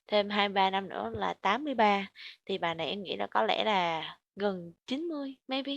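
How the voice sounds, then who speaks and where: A woman with a Vietnamese accent teaching English pronunciation, modelling words slowly and repeating them for her student. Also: medium pitch, gravelly, no room sound, highs cut off.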